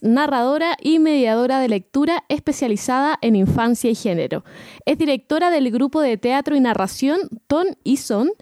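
High-voiced woman reading an introduction. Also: no echo, clean studio sound. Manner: steady, list-like delivery. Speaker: podcast co-host.

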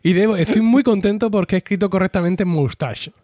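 A man's voice: sits high, brisk, warm tone, no room sound, studio quality. A man co-hosting a casual podcast, chatting with wry, jokey asides. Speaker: podcast co-host. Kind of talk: casual chat.

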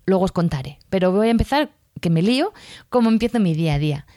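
A woman's voice: mid-range voice, lively intonation, quick pace, dark tone, no room sound, studio quality. A woman teacher, talking casually in a podcast monologue, rambling with fillers and self-corrections. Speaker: primary school teacher podcaster.

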